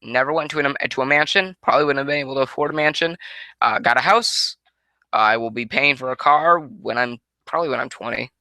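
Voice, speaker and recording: A nineteen-year-old man from Connecticut, USA rambles through viewer questions in a casual Q&A monologue, restarting and correcting himself constantly. He speaks fairly quickly in a sharp, mid-range voice through a headset mic in a small room at home, and the recording is dry.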